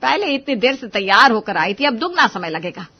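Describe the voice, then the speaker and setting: A woman voicing a quick-tempered older mother-in-law in a cartoon story, sharp and scolding. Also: on the high side, big pitch swings, muffled recording. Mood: grumbling.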